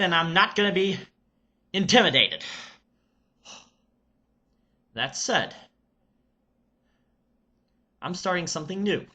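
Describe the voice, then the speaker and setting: A man talking casually as a video reviewer, halting and deliberate, with frequent pauses. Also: a little high, bright, forceful tone. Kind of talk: casual vlog announcement.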